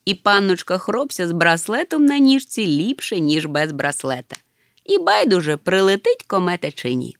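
A woman voicing a calm, easygoing young male wanderer in a storybook, unhurried and reflective. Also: fairly low pitch, dry recording, studio quality. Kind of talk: storybook reading.

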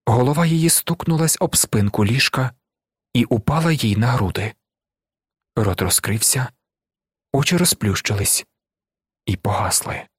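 A man reading a dramatic classic novel aloud as an audiobook narrator, in a measured, expressive way. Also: mid-range voice, breathy edge, no echo, studio quality.

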